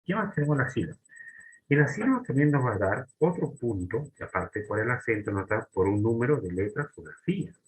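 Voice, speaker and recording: A man's voice: mid-range voice, very animated, a little fast, rough recording. A man teaching a grammar lesson, often restarting and checking in with short questions.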